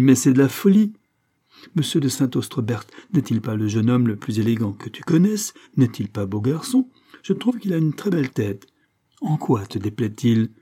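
A male reader voicing a stern middle-aged father who calmly reasons with his daughter about a marriage proposal. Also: mid-range voice, lightly acted. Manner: measured, lecturing, firm. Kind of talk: audiobook character reading.

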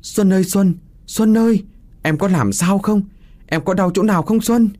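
A man voicing a bound, desperate young man who begs and shouts in a frantic voice. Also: mid-range voice, very animated, moderate pace, breathy edge, no echo.

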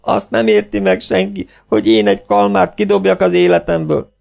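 A man voicing a hot-tempered, tipsy young actress who shouts and bursts into tears, in an audiobook reading. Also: on the low side, lively intonation, gravelly, voice pushed up. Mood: furious. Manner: shrieking, hot-tempered outbursts. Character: hysterical young woman actress, tipsy and tearful.

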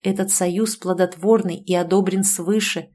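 A woman's voice: on the low side, fairly even intonation, normal speed, close to an everyday voice. A woman voicing a solemn male clan councilor who leads a wedding rite in a formal, ceremonial tone. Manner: formal, ceremonial, loud announcing.

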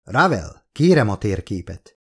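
A man's voice: lowish voice, sing-song, slightly rough, exaggerated voice. A man voicing a commanding male spaceship captain in a sci-fi audiobook, giving curt barked orders. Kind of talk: audiobook character voice.

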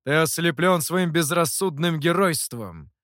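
A man voicing a calm, cunning male master and mentor in an audiobook, speaking in a dry, measured, wry way. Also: on the high side, no room sound. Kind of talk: audiobook character voice.

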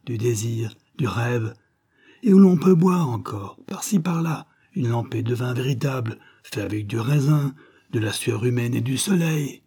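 A man's voice: mid-range voice, mellow, breathy edge. A man voicing a scornful, ranting atheist who mocks the idea of progress, declaiming fiercely.

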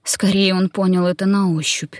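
A woman's voice: medium pitch, steady tone, moderate pace, no room sound, clean studio sound. A woman narrating an audiobook in the first person, with tense, dramatic storytelling.

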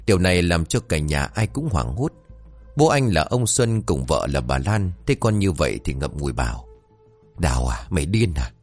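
Low voiced guy telling a spooky story, dramatic, voice goes up and down a lot. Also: sing-song, moderate pace. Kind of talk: narrated ghost story. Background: faint music.

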